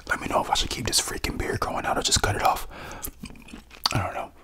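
A young American man giving a casual, slangy, rambling ASMR whisper close to the mic while chewing gum. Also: quick pace. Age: young adult. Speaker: ASMR creator and podcaster. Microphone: close desktop condenser mic with foam cover.

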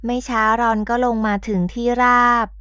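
A woman narrating a romance audio novel in a calm, gentle storytelling manner. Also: fairly high pitch, normal speed, smooth, dry recording. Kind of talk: scripted narration.

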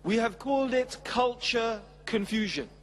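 A middle-aged man giving a measured, emphatic religious lecture at a stand mic on a large studio stage before an audience. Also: very high-pitched, in a large hall, a little hiss or hum. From England. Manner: measured, emphatic, with expressive hand gestures. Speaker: Islamic preacher. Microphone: stand mic at a lectern.

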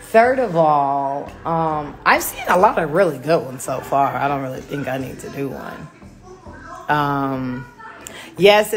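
A woman in her thirties chatting casually on a phone livestream from her home kitchen, rambling and laughing easily. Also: low-pitched. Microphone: phone held close.

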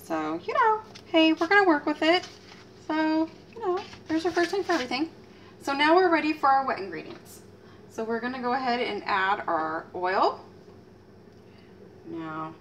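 Picked up by a distant, fixed camera mic with faint room noise, this medium-pitched woman in her thirties runs a home cooking channel. She chats casually as she shows a recipe in her home kitchen, poking fun at herself and exclaiming with energy.

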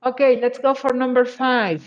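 A woman's voice: high voice, steady tone, moderate pace. A woman English teacher from Mexico, checking answers in an online class with patient, repeated praise. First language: Spanish. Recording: dull lo-fi video call audio.

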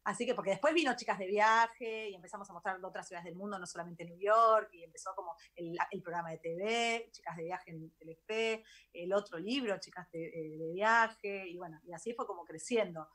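A middle-aged woman with a Rioplatense Spanish accent, a guest telling her story in a chatty, animated radio interview. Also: mid-range voice, fairly quick. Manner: animated, chatty, laughs easily. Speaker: guest, travel author. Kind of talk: casual interview talk.

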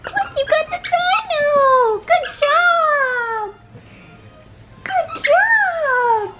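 A woman talking to her dogs in a high, cooing pet voice with slow, exaggerated praise. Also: expressive, sharp tone, faint music behind, exaggerated voice. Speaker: dog owner. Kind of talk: high sing-song pet talk.

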